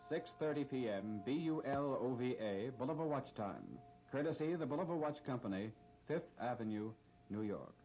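Old radio station announcer, music behind. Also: male voice, mid-range voice, expressive, normal speed, rough recording. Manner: formal, spelled-out delivery.

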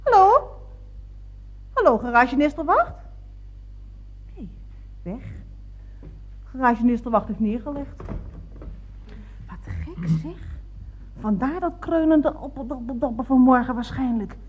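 A woman's voice: sits high, very animated, slow pace, long pauses, dull audio, exaggerated voice. An actress playing a scatterbrained, chatty woman motorist rambling on the phone in a radio comedy. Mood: chattering. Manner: gushing, giggly, rambling.

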